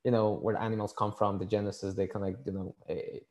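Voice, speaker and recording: A scientist and engineer from Mexico City, a native Spanish speaker with a Mexican accent, answers podcast questions casually and haltingly, often repeating words and saying "you know" a lot. His voice sits on the low side, a little mellow, with little pitch movement.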